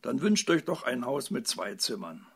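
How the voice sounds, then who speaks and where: A man's voice: medium pitch, sing-song, unhurried, vocal fry, slightly rough, full character voice. A man voicing a cheerful young fairy who grows desperate as her wishes are refused, in a storybook reading. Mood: insistent. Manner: eager, increasingly desperate pleading. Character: flustered young female good fairy.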